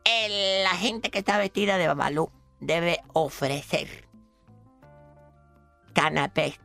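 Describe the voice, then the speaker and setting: Milagritos, a fussy gravelly old lady. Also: high-pitched, little pitch movement, slow, sharp tone, faint music behind, heavily acted. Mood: storytelling. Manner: fretful, pious exclamations, calls people "mi amor". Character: fussy old woman storyteller, prim and easily shocked. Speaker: recurring character on a radio comedy show. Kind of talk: radio comedy sketch.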